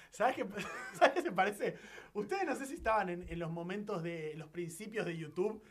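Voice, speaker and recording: A man's voice: high-pitched, lively intonation, moderate pace, slight background noise. A man with a Rioplatense accent co-hosting a radio show, telling stories and often laughing. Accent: Rioplatense Spanish. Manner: laughing, storytelling. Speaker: radio co-host. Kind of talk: casual radio banter. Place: radio studio.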